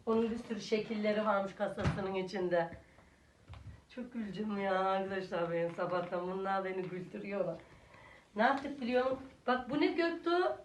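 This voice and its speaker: A woman's voice: mid-range voice, a little fast, slight background noise. Older grandmother vlogger in an echoey room. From Turkey. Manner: talks to the viewers as friends and coos at her grandson in a sing-song voice. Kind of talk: casual home vlog chat. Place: village house room. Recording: echoey room, mic at a distance.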